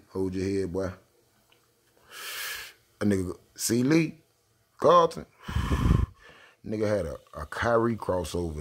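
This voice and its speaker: Reacting to basketball clips, this young Jacksonville, Florida man gets loud and excited, cursing a lot and bursting into shouts. His voice leans low with a breathy edge.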